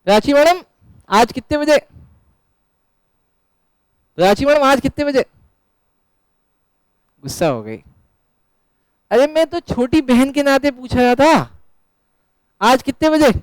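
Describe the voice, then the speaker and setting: High-voiced teasing male teacher. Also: expressive, takes it slowly, pauses often, dry recording, rough recording. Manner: asks questions and answers them himself; teasing, chatty banter with students. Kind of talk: live classroom lecture. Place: classroom.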